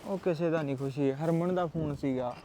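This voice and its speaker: An actor playing a calm elder brother who reassures his upset sister and plays down the quarrel. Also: on the high side, a little fast, a little hiss or hum, lightly acted. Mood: dismissive. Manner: reassuring, placating. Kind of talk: film drama dialogue.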